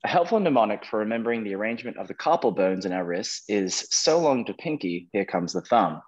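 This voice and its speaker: A male quiz host with a lowish, animated voice and a slightly quick pace reads questions to contestants and encourages them as they answer. The online call audio is dull and lo-fi.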